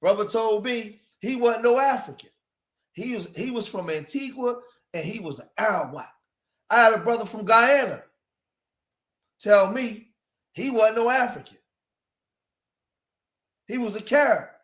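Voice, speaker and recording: A man's voice: high-pitched, unhurried, long pauses, a bit bright. A man in his forties with an East Coast accent hosting a casual commentary livestream. He talks straight to his viewers and repeats phrases to drive his points home. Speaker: livestream host. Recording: echoey room.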